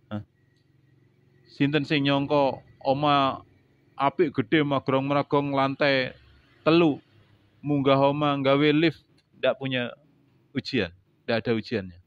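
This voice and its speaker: A man preaching with an East Javanese accent, switching between loud, emphatic lines and quiet asides while he quizzes his listeners. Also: medium pitch, no room sound. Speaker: preacher teaching a religious book. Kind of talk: sermon. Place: mosque or prayer hall gathering. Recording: dull lo-fi sound.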